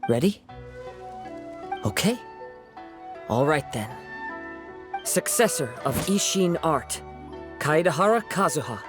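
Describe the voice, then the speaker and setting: Kazuha, a lightish-voiced young samurai. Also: male voice, on the high side, big pitch swings. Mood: composed. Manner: courteous, measured. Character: young male wandering samurai, gentle, poetic, honorable. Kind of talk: video game character acting. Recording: music behind the voice.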